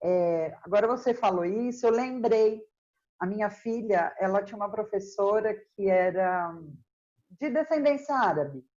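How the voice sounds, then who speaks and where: A middle-aged woman, a historian being interviewed, speaking slowly and earnestly in a relaxed, reflective way. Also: medium pitch, dull audio. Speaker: historian guest. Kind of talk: casual interview chat.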